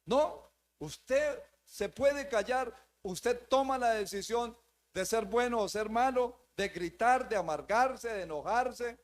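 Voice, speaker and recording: A man preaching a sermon to his congregation as pastor, emphatic and repetitive, calling them brothers. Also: high-pitched. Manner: emphatic, repeats phrases, addresses the congregation as brothers. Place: church, before a live congregation.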